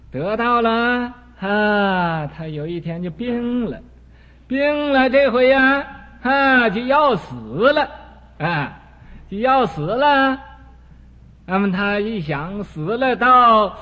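A man preaching a Buddhist moral parable in a slow, storytelling way, with frequent drawn-out fillers and English words mixed in. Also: high-pitched. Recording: dull lo-fi recording in a reverberant hall.

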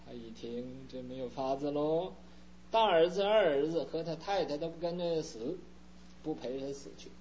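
A man telling a parable in a sermon, unhurried and full of fillers, as a Buddhist preacher. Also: a little high, darkish tone. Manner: unhurried storytelling with many fillers. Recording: dull lo-fi recording with faint hum.

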